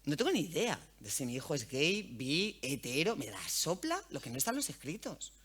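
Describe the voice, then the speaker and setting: Blunt, lively Spanish woman. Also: low voice, moderate pace, husky. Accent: Spain. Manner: blunt, outspoken, earthy. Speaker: radio journalist, interview guest. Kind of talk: frank conversational interview. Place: event panel.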